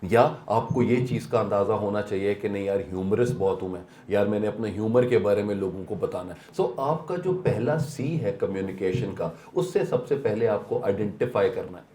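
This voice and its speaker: A man's voice: lowish voice, hardly any pauses, warm tone, slight background noise. A man giving a motivational seminar talk, mixing English phrases into Urdu and asking rhetorical questions. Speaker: seminar speaker. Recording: echoey hall.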